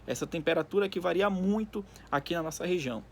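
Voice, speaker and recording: A man's voice: fairly high pitch, quick pace, slight background noise. A male teacher giving a recorded school lesson, dictating from a textbook in segments and explaining didactically with frequent check-in tags. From Brazil.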